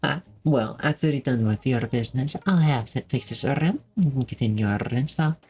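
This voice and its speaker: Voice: mid-range voice, normal speed, darkish tone, husky. A streamer in casual live-stream chat, talking to viewers in a rambling, friendly way with lots of fillers and restarts, at a desk mic in a home setup. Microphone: desk microphone with noise filters.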